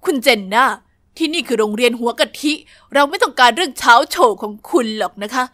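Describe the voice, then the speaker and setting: Stern and formal, a woman doing a cold elite-school principal speaks in a lower, measured voice in this animated storybook. The recording is dry and close, with no room sound. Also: no room sound.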